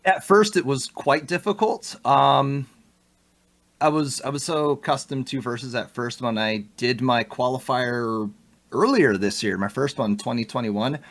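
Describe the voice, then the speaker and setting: A young man chats as a podcast guest in an easy, conversational way. He is animated, laughs often and restarts his sentences as his thoughts race ahead. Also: mid-range voice. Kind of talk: casual interview chat.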